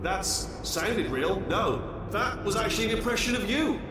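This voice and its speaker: Frantic gloating robot villain. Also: male voice, high voice, very animated, moderate pace, recorded from a distance, background noise. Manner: rambling, sarcastic, screams often. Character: panicky chatty male robot villain, boastful and frantic. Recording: echoey game audio over loud music.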